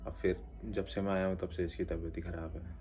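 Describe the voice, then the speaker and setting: A man speaks in a family vlog recorded indoors at home. His voice sits low and mellow, and he talks in a soothing, gently pleading way. Faint background noise runs under it. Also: flat delivery, brisk. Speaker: vlogger, father.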